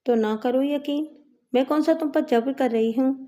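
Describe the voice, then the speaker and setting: A brash woman inmate who brags and sneers, read by a woman storyteller. The voice sits a little high with a warm, mellow tone. She talks with a mocking swagger. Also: close to an everyday voice. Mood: boastful. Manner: boastful, mocking.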